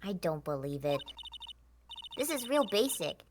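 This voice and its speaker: A woman's voice: fairly low pitch, big pitch swings, a little slow, background noise. A woman doing a bubbly science-nerd teen girl. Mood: eager. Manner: bubbly, stammers when flustered. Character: peppy science-loving teenage girl.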